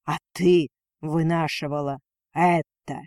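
A cold, domineering male dragon lord, played by a male narrator, dropping slightly lower and drawing out his words. His scorn is unhurried and heavy, recorded dry and close with no echo. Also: fairly even intonation, a little mellow. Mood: contemptuous. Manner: slow, contemptuous growl.

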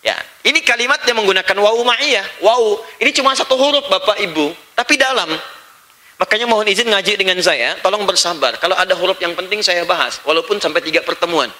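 A man's voice: high voice, quick pace, bright, forceful tone. A man giving an Islamic study lecture, emphatic and full of rhetorical questions to the audience. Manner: mimics foreign speech when giving examples. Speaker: Islamic religious teacher.

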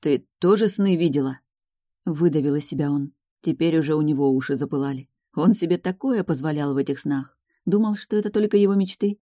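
Rich: A woman narrates a fantasy romance audiobook in calm, measured storytelling. Her voice is low and mellow. The recording is close and dry. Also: no room sound.

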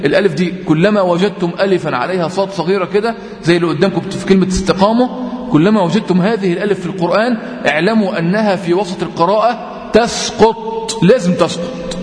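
High-voiced Egyptian man teaching in an echoey hall. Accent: Egyptian Arabic. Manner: patient, repetitive explaining, drawn-out example readings. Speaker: Quran recitation teacher. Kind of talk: tajweed lesson. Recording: echoey room with long reverb.

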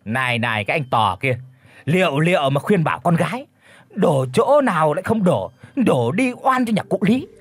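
A man's voice: on the high side, very animated, normal speed, husky, pitched above the performer's own voice. A man voicing an arrogant older deputy village official who scolds and threatens. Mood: bossy. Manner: bossy, scolding.

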